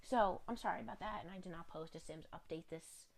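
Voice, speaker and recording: Speaking fairly quickly at a fairly low pitch, a woman with a slightly congested voice, a bit sick, narrates a home-building game video. She's chatty and apologetic and rambles with lots of fillers.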